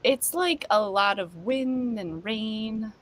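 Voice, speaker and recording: A woman, chatting as a comedian guest in an interview, bursting with enthusiasm. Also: on the high side. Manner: excitable, quick bursts of enthusiasm. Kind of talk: casual interview chat.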